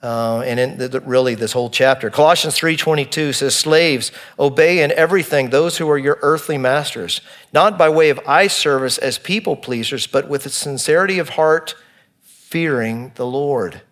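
A man's voice: a little high, moderate pace, a bit bright. A man preaching a sermon in church, counting off his points and reading scripture with emphasis. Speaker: pastor.

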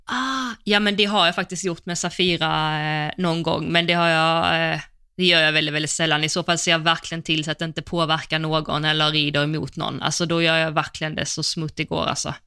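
A woman co-hosting a podcast, chatting casually and thoughtfully about competition riding, often pausing with fillers. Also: deep voice, steady tone, sharp tone, clean tone, no echo, clean studio sound. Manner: thoughtful, hedges with frequent fillers. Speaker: podcast co-host.

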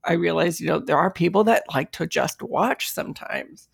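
A man hosting a casual chat who is animated and laughs a lot. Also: fairly high pitch, normal speed, creaky, breathy edge. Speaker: podcast host.

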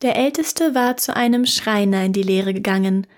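A woman reading a fairy tale aloud in calm, measured storytelling. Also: mid-range voice. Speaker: narrator.

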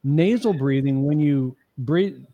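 A man's voice: medium pitch, takes it slowly, warm tone, highs cut off. A middle-aged man, a marriage coach guesting on a podcast interview, explaining things step by step in an earnest, emphatic way. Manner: emphatic, often asks the listener "okay?".

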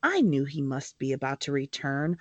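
A woman reading aloud as a cold, smooth male dark wizard, speaking in a measured, disdainful way. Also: very deep voice, very animated, dry recording, pitched below the performer's own voice, heavily acted.

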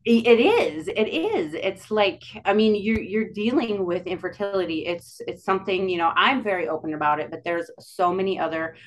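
A woman from the Dakotas with a Dakota accent, telling her own story casually and haltingly as a podcast guest. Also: mid-range voice, animated. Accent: Dakota, Upper Midwest. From Dakotas, United States. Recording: clear background noise.

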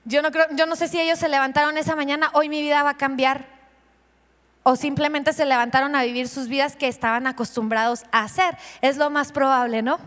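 In a large hall, a woman pastor preaches quickly in a high voice, hardly pausing at all. She keeps things lively by quizzing the congregation and acting out the scenes she narrates.

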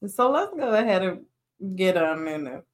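Een vrouw die als co-host van een podcast ontspannen en met straattaal praat, vaak lachend. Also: female voice, mid-range voice, big pitch swings, moderate pace. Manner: laid-back, slangy, laughs often. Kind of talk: casual chat.

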